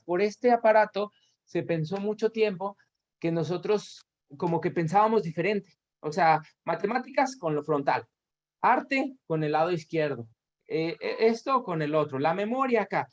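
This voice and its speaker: A man with a Mexican accent giving an academic lecture over videoconference, explaining at length with tag questions and self-corrections. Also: sits high. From Aguascalientes, Mexico. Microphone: video call. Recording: dull lo-fi video call audio.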